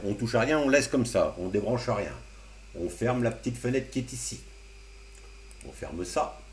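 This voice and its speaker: A man hosting a casual amateur radio tutorial, explaining computer steps one by one with relaxed, joking asides. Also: mid-range voice. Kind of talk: casual screen-recorded tutorial. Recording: roomy echo, faint hum.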